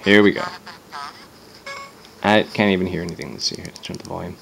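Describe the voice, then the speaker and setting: A low, creaky male voice talks fast over background noise during a casual hands-on gadget demo. He reviews it offhandedly and sardonically, swearing and sounding exasperated.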